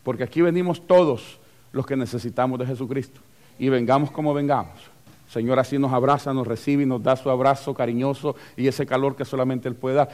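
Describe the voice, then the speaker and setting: A man preaching a lively sermon in church as pastor, acting out little scenes and asking the congregation questions. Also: mid-range voice, brisk. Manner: animated, acts out scenes and voices, asks the congregation questions.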